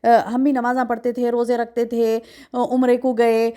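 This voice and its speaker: A woman lifts her voice high to play a desperate crowd of hypocrites, begging and protesting in a rush. Their pleas come out raised and aggrieved, like people shut outside a gate. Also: level tone, dark tone, lightly acted. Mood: pleading.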